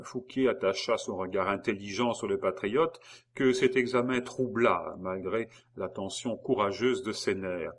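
A man reading a novel aloud in an even, measured narration. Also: on the low side, a little hiss or hum. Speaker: audiobook narrator.

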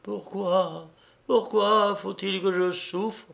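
A man's voice: on the high side, slow, gravelly, voice pushed up. A man voicing a young man in anguish who is losing his mind, pleading and tearful.

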